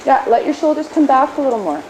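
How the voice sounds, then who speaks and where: A woman coaching a horse riding lesson, projecting brisk commands and corrections with short explanations. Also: high-pitched, big pitch swings, darkish tone. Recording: clearly noisy riding-lesson ambience.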